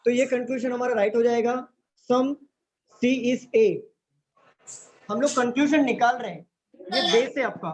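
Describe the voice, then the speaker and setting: Unhurried and steady with long pauses, a very high-pitched man teaches reasoning in a live online lecture. He explains step by step, keeps questioning students, and mixes English into Hindi. The stream's audio is dull, lo-fi, and faintly noisy.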